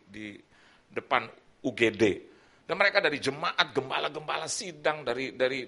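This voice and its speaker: A middle-aged male pastor preaching a sermon, telling a personal testimony with lively storytelling and acted-out quotes, moving between loud and soft. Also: on the high side, vocal fry. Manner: animated storytelling, acts out quoted voices, swings loud and soft. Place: church hall.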